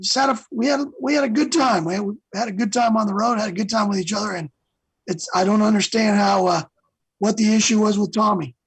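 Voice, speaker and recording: Gravelly-voiced man telling stories. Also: high voice, fast talker, dry recording, low-quality recording. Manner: rambling storyteller, many fillers. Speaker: guest singer. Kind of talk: casual interview chat.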